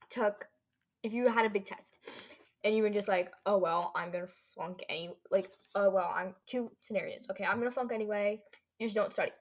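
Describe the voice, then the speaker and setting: Teen girl, solo podcast host, casual and rambling, loads of fillers, mid-range voice. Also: medium pitch. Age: teens. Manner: rambling, filler-heavy, loses her train of thought.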